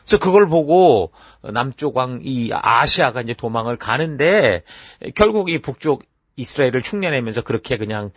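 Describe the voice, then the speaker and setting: A man's voice: mid-range voice, moderate pace, husky, dry recording. A man preaching a conversational Bible-teaching sermon, full of fillers, acting out quoted voices. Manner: animated, acts out quoted voices. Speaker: pastor.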